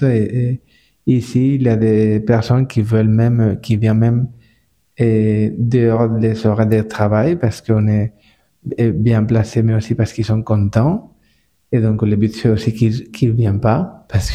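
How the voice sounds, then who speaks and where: A spa manager with a Spanish-speaking accent appears as a guest on a casual podcast, speaking French in a halting way with lots of repeated words and restarts. His voice sits on the low side and has a dark tone.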